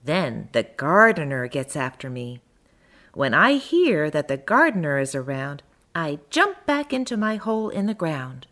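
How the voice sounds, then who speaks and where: A woman voicing a friendly, curious little garden mole who tells a children's storybook tale in first person, with expressive, sing-song storytelling. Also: low voice, unhurried, voice pushed down, exaggerated voice. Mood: earnest wonder.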